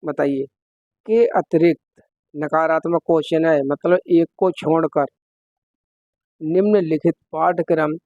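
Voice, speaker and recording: A man's voice: a little high, fairly even intonation, unhurried, long pauses, a little mellow, no echo, highs cut off. A man teaching an exam-prep lesson, working through quiz questions step by step and putting questions to the listener.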